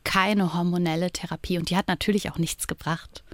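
A woman's voice: lowish voice, steady tone, a little fast, no echo, studio quality. A woman in her thirties, a podcast guest, talking openly and reflectively about her own life, often adding tag questions. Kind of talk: candid personal interview talk.

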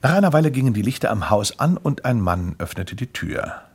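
A man narrating a children's story in an expressive, lively reading. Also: mid-range voice, a little fast, breathy edge.

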